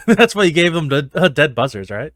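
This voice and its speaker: A man's voice: fairly high pitch, very animated, moderate pace, fairly bright tone, no room sound, studio quality. A man co-hosting a podcast, chiming in with playful, joking commentary in casual chat. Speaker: podcast co-host.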